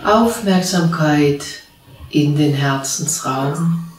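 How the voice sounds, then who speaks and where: A woman, a spiritual teacher, gently guiding a seated group through a meditation with calm, unhurried instructions. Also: sits low, slight background noise. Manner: slow, calm spoken instructions with long pauses. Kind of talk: guided meditation. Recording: roomy sound from a distant mic.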